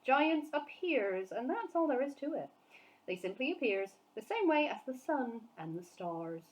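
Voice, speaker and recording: A woman's voice: high voice, sing-song, voice pushed up, poor audio. Woman voicing a big friendly old giant. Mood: earnest. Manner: slow, jumbled giant talk. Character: huge old male giant, kindly, muddled speech.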